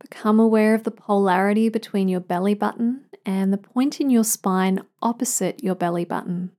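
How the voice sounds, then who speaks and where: A woman teaching yoga, giving soothing, measured instructions in phrases timed to the breath. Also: medium pitch, mellow. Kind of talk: guided yoga class instruction.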